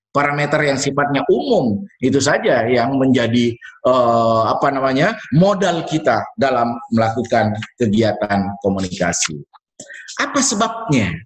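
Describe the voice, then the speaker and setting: A man teaches a class in a loose, chatty way, often repeating himself and posing questions he answers himself. His voice sits at a middle pitch and rings in a roomy, echoey space. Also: a bit bright. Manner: conversational, gestures, repeats words, asks and answers own questions. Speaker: university lecturer. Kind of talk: recorded lecture to students.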